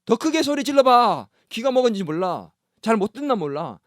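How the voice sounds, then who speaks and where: A man's voice: fairly high pitch, very animated, moderate pace, no echo, studio quality. A man preaching, voicing a bold male prophet who challenges and taunts rival priests in a raised voice. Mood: mocking.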